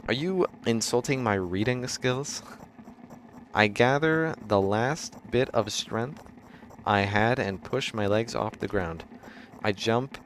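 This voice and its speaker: Man reading game text on stream, halting and self-correcting, sudden loud shouts, unhurried, lowish voice. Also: a little hiss or hum. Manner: breaks into loud dramatic shouts on the outbursts.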